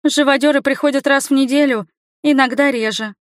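A woman voicing a frightened young woman from the slums in an audiobook, speaking in a tense, hushed way. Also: sits high, fairly even intonation, brisk, dry recording, studio quality, voice pushed up, natural voice. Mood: scared tense. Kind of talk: audiobook character voice.

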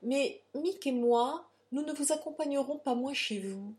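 Brief: brash bully of a young man, read by a woman, loud, mocking, raised pitch. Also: a little slow. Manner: shouting insults, rough and mocking. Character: brash young male cousin, bullying but loyal.

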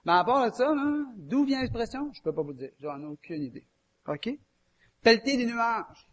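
A man's voice: high voice, very animated, a little fast. A man with a Québécois French accent preaching a chatty, folksy sermon and quizzing his listeners. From Quebec. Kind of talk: conversational sermon.

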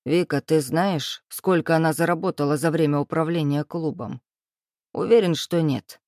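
A woman reading an audiobook voices a curt, self-assured man in power, speaking low, clipped and matter-of-fact. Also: moderate pace, a little mellow, no room sound, clean studio sound, natural voice. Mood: dry, wry.

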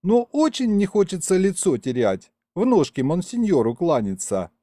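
Male reader as a sensible young vampire woman, raised pitch, dry sound. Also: big pitch swings, moderate pace, mellow, no room sound. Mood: weary. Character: prim young female vampire, sensible and weary.

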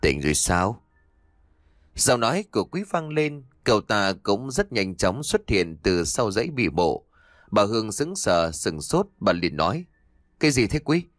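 A man narrating a scripted ghost story audiobook in an expressive, dramatic reading. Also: fairly low pitch, measured pace, no room sound, clean studio sound.

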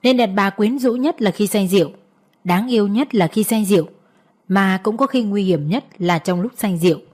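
A woman's voice: medium pitch, moderate pace, a little mellow. A woman narrating a scripted story as an audiobook reader.

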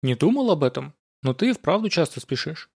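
A male narrator voicing a calm, teasing older scholar and comrade with a gentle, unhurried, playful manner in an audiobook. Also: a little high, vocal fry, slightly rough, full character voice.

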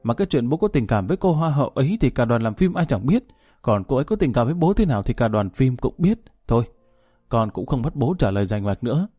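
A man's voice: mid-range voice, big pitch swings, fast, mellow, slightly rough, no room sound, studio quality. Man doing a persistent, coaxing grown daughter. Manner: coaxing, insistent.

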